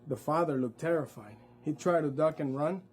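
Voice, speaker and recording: A man's voice: on the high side, normal speed, a little hiss or hum, low-quality recording. A man narrating his own story in a one-man stage show, vivid and with wry asides. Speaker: performer.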